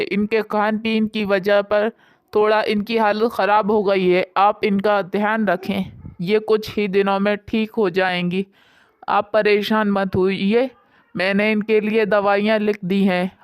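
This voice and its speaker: A woman voicing a calm, reassuring male doctor in a storybook. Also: medium pitch, clean tone, no echo, lightly acted. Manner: reassuring, matter-of-fact.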